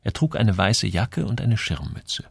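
A man reading a novel aloud in measured scripted narration. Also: on the low side, very animated, gravelly, breathy edge, no echo, studio quality. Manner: measured storytelling. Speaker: audiobook narrator.

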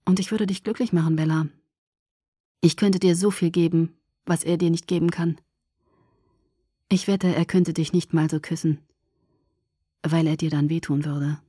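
Woman reading as a young man, cocky, teasing, persistent, lowered voice, dry close audiobook sound. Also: steady tone, moderate pace, pauses often, mellow, husky, no echo. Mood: pleading softly. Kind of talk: audiobook character voice.

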